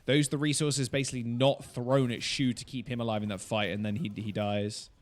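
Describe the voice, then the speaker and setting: A man casually breaking down a game replay, reacting loudly and swearing often as the plays unfold. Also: medium pitch, level tone, a little fast. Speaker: esports streamer and analyst.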